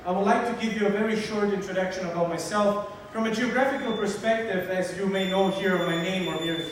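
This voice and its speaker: Italian-accented man, high-pitched, keynote speaker, lively audience polling, booming reverberant hall, distant mic. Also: a little fast. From Sicily, Italy. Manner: lively, interactive, polls the audience. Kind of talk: conference keynote. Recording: echoey hall, distant mic, faint noise.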